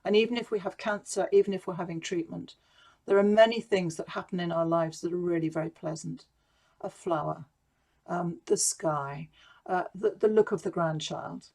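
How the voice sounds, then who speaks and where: Gentle woman, mindfulness teacher, encouraging and personal, on a video call. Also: fairly low pitch, steady tone, normal speed, gravelly. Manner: gentle, encouraging, talks directly to participants by name. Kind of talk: guided mindfulness talk to online conference.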